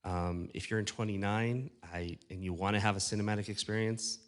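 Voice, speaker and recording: A man with a fairly low voice gives a relaxed conference talk to a live audience. He speaks conversationally, checks in with questions and jokes about himself, and his voice sounds a bit worn from talking. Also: a little fast. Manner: conversational, asks the audience questions, self-deprecating. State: losing his voice. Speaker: conference speaker on church production.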